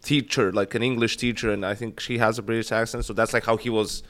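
A man's voice: lowish voice, flat delivery, fast talker, fairly bright tone. A man co-hosting a podcast, talking casually in long rambling runs that repeat words. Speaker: podcast co-host. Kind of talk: casual chat.

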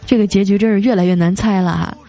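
Woman host, casual and teasing, mellow tone over faint music. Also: medium pitch, steady tone, quick pace. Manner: playful, teasing, reads jokes with light voiced quotes. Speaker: podcast host reading listener comments. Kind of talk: casual chat. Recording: soft music behind.

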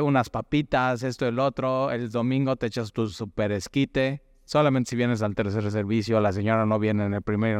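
A man's voice: medium pitch, clear, resonant tone, no room sound. A man, preaching a sermon as a pastor in a conversational way, asking his listeners questions.

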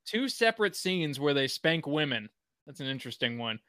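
A man's voice: on the high side, very animated, a little fast, crowd noise. A man co-hosting a podcast in casual chat, joking, laughing often and breaking into bits of show tunes. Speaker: podcast co-host.

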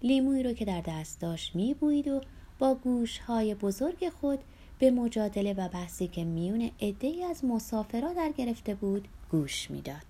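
A woman narrating a literary audiobook in a soft, breathy, half-whispered reading voice. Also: on the high side.

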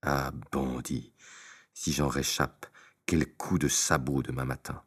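A man voicing a vengeful female mule in a storybook reading, muttering threats low and under his breath. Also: steady tone, moderate pace, darkish tone, slightly rough. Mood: grudging.

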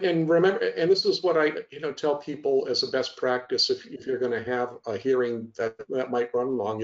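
Presenter, male, video-call trainer: dry humor, quick restarts, roomy echo, muffled sound. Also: medium pitch. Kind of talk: instructional talk over video call. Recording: echoey, muffled lo-fi audio.

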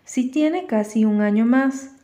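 Brief: woman playing a gentle storybook girl, worried, soft mellow tone. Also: on the high side, a little slow, close to an everyday voice. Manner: worried, insistent. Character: timid, gentle young girl who hates fights.

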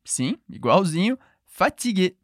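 A woman teaching a podcast language lesson, patiently repeating words slowly for listeners to echo. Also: on the low side, very animated, studio quality.

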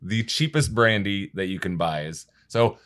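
A man's voice: deep voice, moderate pace, a bit bright. Rambling man from Wisconsin. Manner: rambling, self-interrupting storyteller. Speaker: guest. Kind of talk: casual podcast chat.

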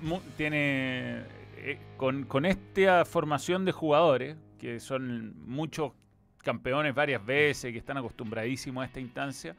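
A man's voice: mid-range voice, unhurried, vocal fry, a bit bright, soft background music. A man co-hosting a football podcast, listing lineups and absences in a matter-of-fact, casual way. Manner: lists lineups and injuries matter-of-factly.

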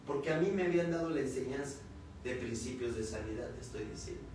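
A man's voice: medium pitch, quick pace, darkish tone, faint music behind. A young man preaching a sermon, telling a personal testimony and acting out the dialogue, then building to emphatic repeated phrases. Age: young adult. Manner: storytelling, acts out dialogue, builds to emphatic repetition. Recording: echoey room, far from the mic.

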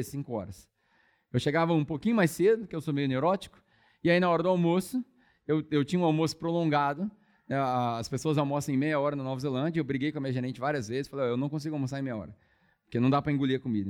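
A young man, preaching a testimony as a lively storyteller who acts out dialogue. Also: a little high. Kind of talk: testimony sermon.

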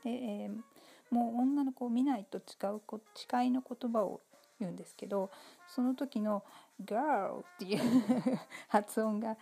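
A woman giving relaxed, casual spoken commentary on a TV episode, polite and chatty with many fillers. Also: a little high, moderate pace, creaky, faint music behind.

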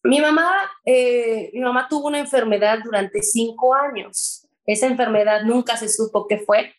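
A Mexican woman with a slightly high voice tells her faith story earnestly. She speaks with feeling and stumbles over her words now and then as a guest recounting her life. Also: moderate pace, low-quality recording. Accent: Mexican Spanish. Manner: earnest and emotional, with hesitations. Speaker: guest sharing her testimony. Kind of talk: personal faith testimony.

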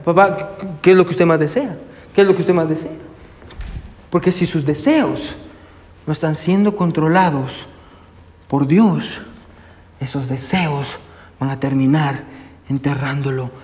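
High-voiced preacher in an echoey hall. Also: male voice, steady tone, unhurried, long pauses, darkish tone. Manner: emphatic, rhetorical questions, frequent "amen". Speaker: pastor. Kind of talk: sermon. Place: church sanctuary. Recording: echoey church hall with long reverb.

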